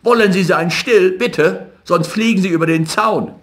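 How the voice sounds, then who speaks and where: A man doing an excitable frail messenger. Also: normal speed. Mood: angry. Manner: high, urgent pleading.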